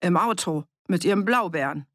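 A reader voicing a boastful village man who stirs up a pub crowd, raised and loud. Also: high voice, animated, normal speed, no echo, clean studio sound. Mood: agitated. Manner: loud, rabble-rousing, boastful. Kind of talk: audiobook character reading.

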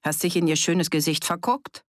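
A reader voicing a loud blustering village rabble-rouser. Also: male voice, on the high side, moderate pace, no echo, studio quality, lightly acted. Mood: agitated. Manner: loud, rabble-rousing, boastful. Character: blustering village man stirring up a pub crowd. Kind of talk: audiobook character reading.

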